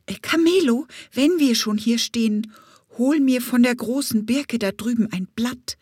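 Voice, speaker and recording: A woman's voice: a little high, measured pace, a little mellow, slightly rough, no echo, clean studio sound, voice pushed up. A woman voicing a bossy, fussing little female bumblebee in a children's audiobook, talking urgently and scolding.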